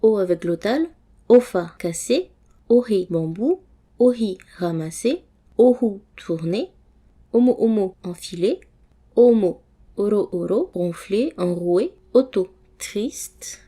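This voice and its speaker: Slow, mellow-voiced woman reading words. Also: medium pitch, animated, breathy edge. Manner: slow, careful word-by-word reading. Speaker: language teacher. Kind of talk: reading a vocabulary list aloud.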